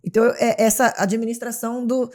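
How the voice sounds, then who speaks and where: As a guest on an interview show, a Brazilian woman with three kids speaks fairly quickly in a fairly high voice. Her manner is casual and animated, with a Brazilian Portuguese accent, and she acts out the scenes in her stories.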